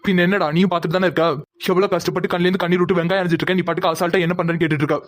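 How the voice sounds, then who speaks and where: A man's voice: high voice, little pitch movement, rapid-fire, close to an everyday voice. A man voicing a group of young men who banter and complain while cooking in a cartoon. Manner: joking, whiny complaints.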